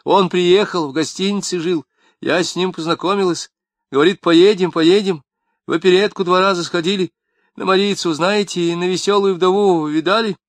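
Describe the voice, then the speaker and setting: A plaintive young wife with speech, her voice pushed high and strained with grievance, as a male reader puts her on. The recording is close and dry. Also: fairly even intonation, normal speed, no echo. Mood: wistful. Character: young woman, tearful, quick-tempered, southern speech.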